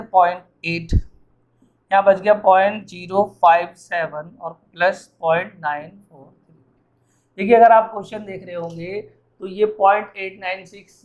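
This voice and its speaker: A man's voice: high voice, lo-fi sound. A man teaching arithmetic who asks and answers his own questions as he works through each problem, sounding tired. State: tired and sweaty. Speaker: math teacher. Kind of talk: explaining math problems while writing.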